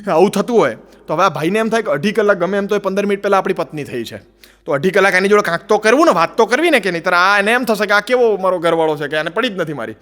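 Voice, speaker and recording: A man with a Gujarati accent doing animated stand-up storytelling, acting out the people in his jokes. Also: sits high, very fast, long reverb tail. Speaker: stand-up comedian.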